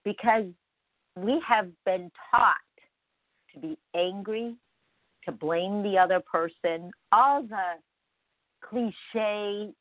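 A woman's voice: mid-range voice, takes it slowly, long pauses, no room sound, narrow, tinny audio. A woman hosting a morning show, talking conversationally and emphatically straight to her listeners in a reflective spiritual monologue.

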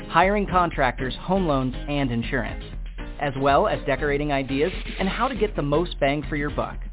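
Male promo announcer, polished and a bit high-pitched, tinny audio. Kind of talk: scripted radio promo. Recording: tinny radio audio with music behind.

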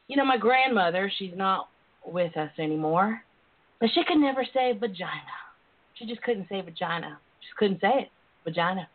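A woman's voice: mid-range voice, lively intonation, normal speed. A woman with a Southern US accent, talking casually and candidly as a chatty, playful, folksy talk show host. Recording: tinny, phone-like internet radio line.

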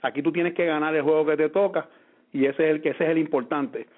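A man's voice: fairly high pitch, fairly even intonation, fast talker. A man with a Puerto Rican accent on a sports podcast, talking casually about managers and player roles, often restarting his words. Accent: Puerto Rican Spanish. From Puerto Rico. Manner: restarts and repeats words, thinks aloud. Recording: tinny phone-like line.

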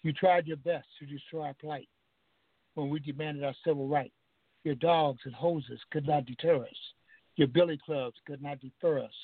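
A man's voice: on the high side, fairly even intonation, moderate pace, breathy edge, dry recording. Guy on the phone doing spoken word poetry, rhythmic, tinny line. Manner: rhythmic, emphatic refrains. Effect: over the phone. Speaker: caller reciting his poem.

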